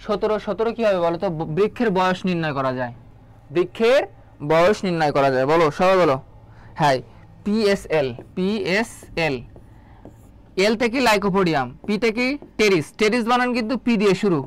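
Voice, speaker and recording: Quick-talking man drilling exam answers. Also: high voice, expressive. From Bangladesh. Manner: repeats key terms, quizzes students with questions. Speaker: biology teacher. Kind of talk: online exam-prep class.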